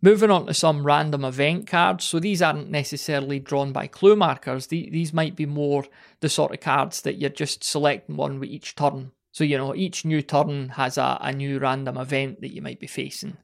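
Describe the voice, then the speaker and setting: A man with a slightly high voice and a gravelly rasp hosts a solo podcast. He talks casually, wandering off on wry asides and circling back. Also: steady tone, normal speed. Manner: rambling, self-interrupting, wry asides. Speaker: podcast host.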